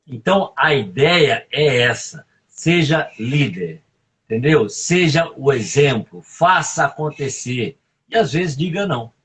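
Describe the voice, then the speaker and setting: A man's voice: mid-range voice, lively intonation, measured pace, a bit bright, breathy edge. A man, giving emphatic leadership advice as a guest in a live interview, often asking "right?". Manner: emphatic, coaching, fond of tag questions.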